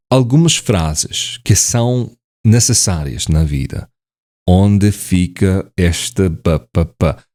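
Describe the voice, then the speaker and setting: Vlogging to camera in a language he's still learning, a man speaks casually but hesitantly, full of fillers and self-corrections, and often laughs at himself. His voice is on the low side and mellow.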